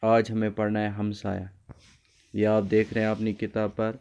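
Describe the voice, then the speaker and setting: Male teacher, steady even voice. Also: fairly low pitch, clean tone, dull audio. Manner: explains word meanings, switches briefly into Kashmiri; addresses children fondly, repeats lines. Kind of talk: classroom lesson reading and explaining a story.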